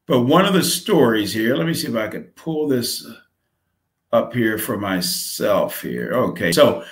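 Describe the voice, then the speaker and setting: A man's voice: mid-range voice, lively intonation, a little slow. A man giving a casual marketing lesson on a live stream, talking conversationally with lots of fillers and asking "right?" often. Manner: reads his own letter aloud. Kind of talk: casual instructional talk.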